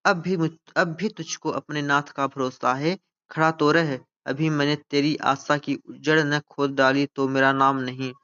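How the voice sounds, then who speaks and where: A man's voice: on the high side, fairly even intonation, measured pace, pushed and bright, clean tone, dull audio. A man reading as a harsh offstage voice of doom. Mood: threatening. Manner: grave, harsh, threatening. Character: stern harsh offstage male voice of ill fate.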